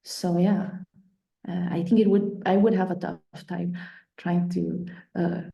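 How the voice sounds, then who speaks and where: Woman from Nagaland, author on a panel call, with a dark, gravelly voice and halting, thoughtful phrasing in a roomy echo. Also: fairly low pitch, little pitch movement, muffled recording. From Nagaland, Northeast India. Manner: halting, thoughtful, many restarts, laughs often. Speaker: author and speaker. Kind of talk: online panel talk.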